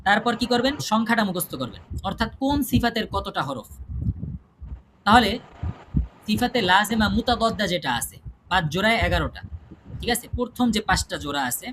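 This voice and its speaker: Male tajweed teacher, high voice, drills terms over a noisy call line. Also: lively intonation, brisk, pauses often. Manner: repetitive drilling, rhetorical questions to students. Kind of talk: online class lecture. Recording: noisy online class audio.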